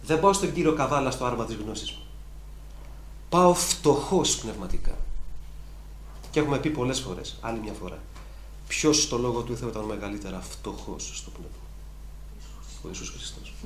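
A man's voice: mid-range voice, pauses often, a little hiss or hum. A man preaching a sermon, emphatic and repetitive, building to fervent peaks. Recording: echoey room with faint ambience.

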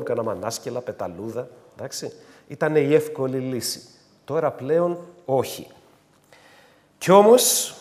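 A man preaching a sermon, reading scripture slowly and then commenting with rising emphasis. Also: mid-range voice, a little mellow, big-room sound.

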